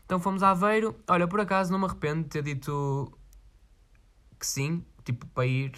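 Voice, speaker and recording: A man's voice: high voice, level tone, brisk, fairly bright tone. A man with a European Portuguese accent, chatting casually in a vlog and reading out viewer requests in a rambling, slangy way with frequent swearing. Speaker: vlogger.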